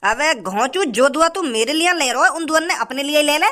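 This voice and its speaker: A man's voice: very high-pitched, moderate pace, pushed and bright. A man voicing a rude, stingy male shopkeeper who scolds coarsely in a cartoon. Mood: scornful. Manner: coarse, scornful.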